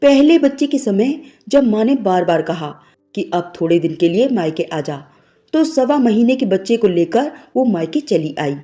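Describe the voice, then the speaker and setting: Her medium-pitched, warm voice is expressive and moves at a normal speed as she narrates a scripted moral story full of sentiment. Music plays in the background behind her.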